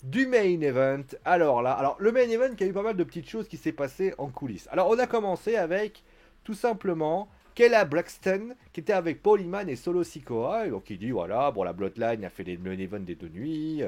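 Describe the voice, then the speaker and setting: A man's voice: a little high, very animated, brisk, darkish tone. A man giving a casual live-stream recap of a wrestling show, chatty and joking, with theatrical asides to his viewers.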